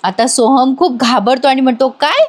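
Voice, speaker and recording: A woman with a high voice narrates a TV serial episode in a chatty, amused tone. She retells scene after scene casually, as if talking to a friend. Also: moderate pace. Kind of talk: casual storytelling recap.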